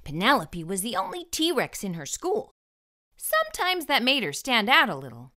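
Hosting a storybook read-aloud, a woman with a fairly high-pitched voice reads a children's book in a deliberate, expressive way.

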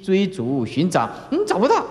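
Animated monk preaching in an echoing hall. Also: male voice, moderate pace. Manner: animated, acts out examples with sudden high calls; frequent filler particles like "ah" and "eh". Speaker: Buddhist dharma master. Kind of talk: Buddhist sermon lecture. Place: lecture hall. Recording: roomy lecture hall reverb.

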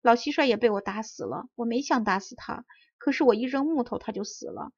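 A woman's voice: a little high, a little fast, breathy edge, no echo, highs cut off. A woman voicing a hungry, pitiful wooden puppet boy who pleads and whimpers, in a storybook reading. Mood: tearful.

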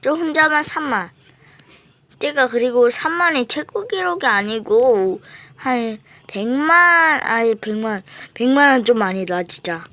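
A woman's voice: fairly high pitch, animated, unhurried, sharp tone, dry recording. A woman chatting playfully while commenting on a mobile game she is playing. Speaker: gamer. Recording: noisy phone recording.

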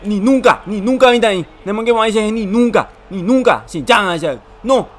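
A young man, giving excited, emotional commentary over a football video game he is playing. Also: sits high, a little slow. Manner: emotional, shouts and groans at every play. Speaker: gaming YouTuber.

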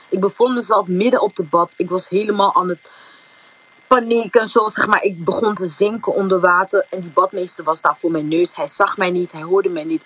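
Husky young woman telling her testimony. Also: fairly low pitch, a bit bright. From Netherlands. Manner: informal, many fillers like "zeg maar", retells thoughts as quotes. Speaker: giving a testimony. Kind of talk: casual spoken testimony.

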